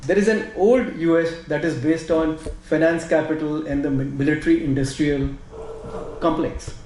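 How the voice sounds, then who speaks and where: A man with an Indian accent on a discussion panel, talking quickly and saying "you know" a lot. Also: on the high side, steady tone, a little mellow, reverberant, a little hiss or hum, poor audio. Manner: fast, repeats "you know". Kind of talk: discussion talk.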